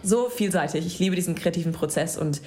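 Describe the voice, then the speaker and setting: A woman hosts a podcast, encouraging her guest and posing questions. Her voice sits fairly low for a woman. A faint hum runs behind her. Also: brisk. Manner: warm, affirming, asks questions. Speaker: podcast host. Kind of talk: casual interview chat.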